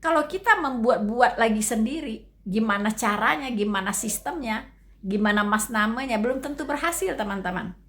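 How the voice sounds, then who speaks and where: A woman's voice: a little high, animated, normal speed, fairly bright tone. A woman giving casual commentary to her viewers, chatty and full of trailing fillers. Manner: chatty, addresses listeners as friends, trailing fillers.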